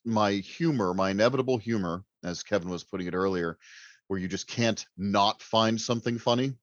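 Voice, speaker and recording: On a podcast, a male guest author with a lowish voice chats fairly fast, wordy and jokey, often at his own expense. His microphone gives a roomy, somewhat muffled sound.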